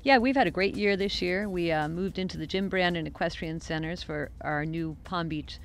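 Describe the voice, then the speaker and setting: A middle-aged woman answering an interviewer's questions outdoors on a farm lawn, talking into his handheld mic in a relaxed, conversational way and often restarting her sentences. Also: on the low side, normal speed, vocal fry, slight background noise. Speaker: guest, show organizer. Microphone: interviewer's handheld microphone.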